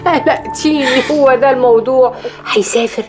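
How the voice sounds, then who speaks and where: A woman's voice: high-pitched, normal speed, lightly acted. An actress playing a middle-aged Egyptian mother who coaxes her daughter and then scolds her in a rage. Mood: pleading. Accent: Egyptian Arabic. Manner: coaxing, then bursting into furious scolding. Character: doting mother turned furious, middle-aged woman. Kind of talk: TV drama acting. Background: music score.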